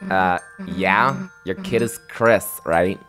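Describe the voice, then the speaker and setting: A man's voice: low voice, slow pace, a bit bright, voice pushed down. A man voicing a brash, tough young female monster who talks in a blunt, slangy mumble. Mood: puzzled. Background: game music.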